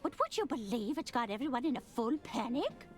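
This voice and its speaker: Elderly grand matriarch, high animated voice, wry, shrewd, amused, comedy game, music behind. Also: female voice, a little fast. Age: older. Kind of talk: comedic adventure game acting.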